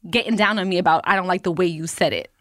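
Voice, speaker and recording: A woman's voice: lowish voice, fast talker, a bit bright, no room sound, studio quality. A woman in her thirties, co-hosting a casual couples podcast, laughing often and arguing back with emphasis. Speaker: podcast co-host.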